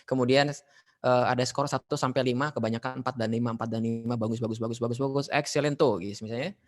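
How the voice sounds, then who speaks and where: Lively man lecturing an online class. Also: mid-range voice. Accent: Indonesian. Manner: lively, mixes English phrases, calls on students. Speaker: teacher leading a leadership training session.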